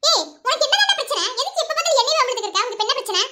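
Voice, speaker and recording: A woman voicing a defiant sharp-tongued village girl. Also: extremely high pitch, sing-song, heavily acted. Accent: Madurai Tamil. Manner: scolding, fast, defiant.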